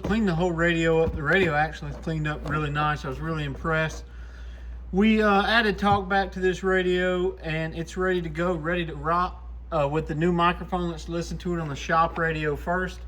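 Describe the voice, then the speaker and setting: The recording, clearly noisy and made in a shop, has a man demonstrating repairs as the channel's host. He's casual and plain-spoken, with a high-ish, slightly bright voice.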